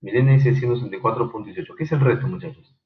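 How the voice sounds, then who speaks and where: A man teaching an online engineering class, halting with many fillers and quizzing students by name. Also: medium pitch, roomy sound, dull audio. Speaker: engineering lecturer.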